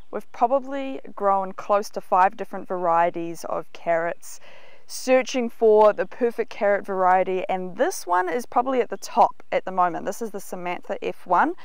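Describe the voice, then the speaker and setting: Kiwi woman walking through her veggie garden, smooth clear voice, dry close mic, higher pitch. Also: no room sound. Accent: New Zealand. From New Zealand. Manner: enthusiastic, explanatory, walking and pointing at crops. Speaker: market gardener. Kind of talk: guided garden tour. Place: outdoors in a large vegetable garden.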